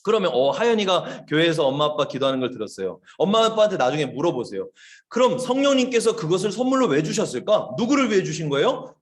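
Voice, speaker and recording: Man, missionary preacher, children's sermon, animated pitch, fairly high voice, storytelling, questions to kids. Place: church service, online.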